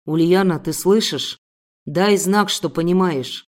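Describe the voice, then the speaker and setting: A commanding male ruler from a fantasy audiobook, as a woman narrator puts him on. He speaks lower than the narrator's own voice, stern and insistent but caring underneath. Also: slow pace, darkish tone. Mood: urgent. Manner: insistent, urgent calling.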